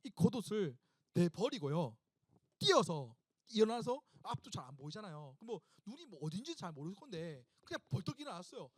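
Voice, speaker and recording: With a sing-song, slightly rough, notably high voice, this male pastor delivers a fairly quick sermon to a young adults' congregation. He repeats points emphatically and keeps firing questions at his listeners, all captured in a dry, close recording.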